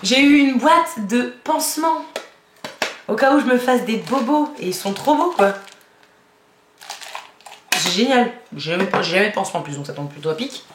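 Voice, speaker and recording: Talking about gifts in a casual haul chat, a young female beauty vlogger rambles and giggles, filling her speech with fillers. Her expressive voice sits on the high side at normal speed with frequent pauses, and the echoey room carries faint noise.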